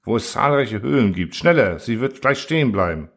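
Man voicing an impulsive, energetic inventor. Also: mid-range voice, moderate pace. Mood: eager.

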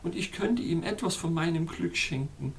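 A man voicing an eager, tender-hearted young princess in a storybook reading, calling out in a bright, excited high voice. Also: normal speed, a little hiss or hum.

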